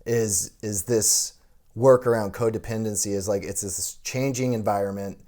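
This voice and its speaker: A man's voice: lowish voice, fairly even intonation, moderate pace, a little mellow. A man hosting a podcast interview, affirming his guest and asking long, searching questions. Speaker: podcast host.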